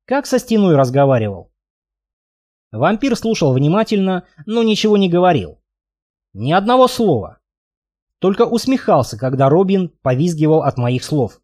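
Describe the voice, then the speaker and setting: Lively high-voiced male audiobook narrator. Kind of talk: first-person audiobook narration.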